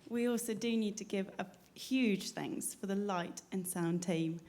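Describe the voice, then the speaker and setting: Woman violinist, stage patter, storytelling manner, middle-pitched voice, stage mic. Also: measured pace, darkish tone, slight background noise. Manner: chatty storytelling. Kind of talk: live stage patter between pieces. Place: stage on a cruise ship.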